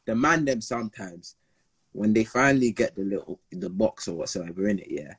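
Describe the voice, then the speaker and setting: A man's voice: on the low side, brisk, fairly bright tone, husky. A young man with a London roadman accent telling stories casually in slang, repeating himself and acting out quotes. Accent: London urban slang (roadman). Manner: slangy, repetitive, acts out quotes. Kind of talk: casual storytelling banter.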